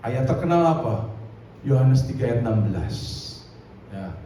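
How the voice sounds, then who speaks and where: A man preaching a sermon in a lively, conversational way with frequent asides to the congregation. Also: medium pitch, moderate pace, muffled recording. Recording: echoey room, distant mic, faint noise.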